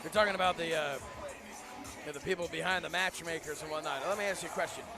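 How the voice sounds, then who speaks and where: Gravelly, high-voiced male wrestling color commentator. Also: steady tone, quick pace. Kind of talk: live wrestling commentary banter. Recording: loud music behind the voice.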